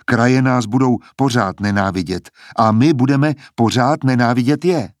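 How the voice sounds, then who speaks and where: A man's voice: medium pitch, no room sound, studio quality, lightly acted. A man doing a resigned young student. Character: gloomy young male student.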